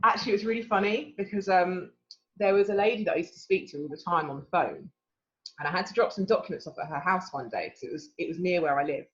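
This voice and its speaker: A woman with an English accent, a guest in a casual interview, telling animated stories and acting out what people said. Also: on the low side, fast, muffled recording. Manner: animated storyteller, laughs often, acts out quotes.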